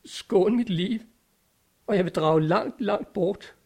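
A man's voice: high-pitched, a little mellow, slightly rough, pitched above the performer's own voice. Desperate fisherman figure, raised and strained, begging for his life, read by a male narrator. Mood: pleading. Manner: pleading, frightened.

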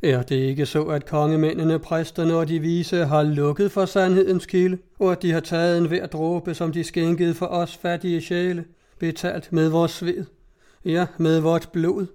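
A man voicing a proud outlaw chieftain in a storybook reading, speaking in slow, booming oratory. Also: little pitch movement, dark tone, clean tone, lightly acted. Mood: rousing.

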